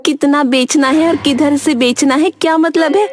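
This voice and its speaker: A woman's voice: sits high, steady tone, moderate pace, natural voice. Woman doing a nagging village wife. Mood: scolding. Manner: sharp, nagging, scolding. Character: scolding young village wife. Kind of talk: Hindi cartoon dubbing. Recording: background music under voice.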